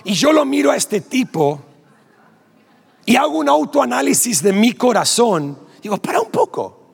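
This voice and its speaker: A man's voice: very high voice, big pitch swings, a little slow, vocal fry, slightly rough. A man with a Rioplatense Spanish accent preaching a sermon, animatedly telling a story and acting out the dialogue, often with laughter. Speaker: pastor. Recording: long hall reverb.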